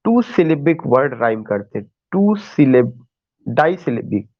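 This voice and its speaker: A man's voice: medium pitch, big pitch swings, unhurried, dull audio. A male teacher giving an online class lecture, explaining step by step with rhetorical questions and mixing in English terms.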